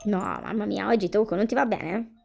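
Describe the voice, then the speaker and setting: A woman's voice: mid-range voice, huge pitch swings, brisk, gravelly, mellow. A woman giving casual commentary on a life-sim game, chatting to viewers and to the game's characters. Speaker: gameplay commentator. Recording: faint background music.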